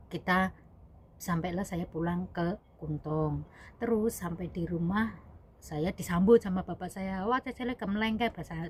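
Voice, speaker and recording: A woman's voice: lowish voice, a little mellow, a little hiss or hum. A young woman vlogger, a domestic worker abroad, telling a personal story in a rambling, self-correcting way and addressing viewers as "guys". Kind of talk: casual spoken storytelling.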